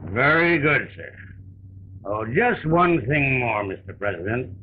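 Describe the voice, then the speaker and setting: Dutiful early talkie army general. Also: male voice, medium pitch, very animated, a little slow, breathy edge. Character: blunt, dutiful army general reporting to his president. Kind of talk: early talkie film acting. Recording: tinny, noisy early sound film track.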